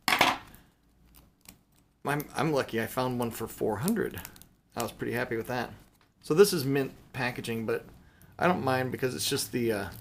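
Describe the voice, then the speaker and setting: A video host with a medium-pitched voice chats casually and unscripted while showing off his silver bullion purchases. He rambles, adding mildly playful exclamations, with slight background noise behind him.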